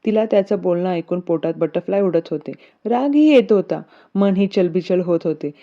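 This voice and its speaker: A woman narrating a romance story in a steady, expressive reading. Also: fairly low pitch, moderate pace. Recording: dull lo-fi recording.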